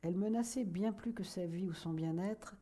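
A woman reading a literary novel aloud in a measured, soft manner that at times sinks to a whisper. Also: medium pitch. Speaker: audiobook reader. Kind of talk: literary audiobook narration.

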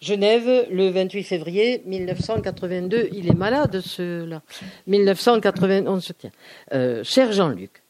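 A woman giving an expressive, outspoken dramatic reading of letters. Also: medium pitch, moderate pace. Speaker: reader.

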